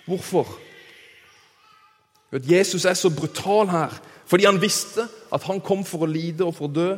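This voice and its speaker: A male preacher tells Bible stories in a lively, engaging way. His voice sits fairly high and carries a long hall reverb. He often turns to his listeners with questions. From Kristiansand, southern Norway. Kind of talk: storytelling sermon.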